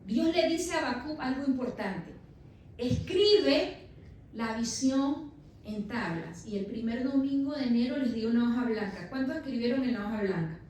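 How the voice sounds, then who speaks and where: A woman's voice: a little high, animated, moderate pace, warm tone. A woman pastor in her thirties preaching a sermon with emphatic delivery, addressing the congregation as brother. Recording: echoey church from far off, faint noise.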